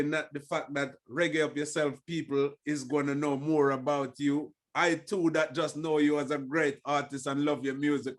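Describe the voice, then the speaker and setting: A man hosting a reggae podcast, respectful and enthusiastic as he asks his guest questions. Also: on the high side. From Jamaica. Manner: enthusiastic, respectful, says "give thanks". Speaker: podcast host. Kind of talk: warm casual interview.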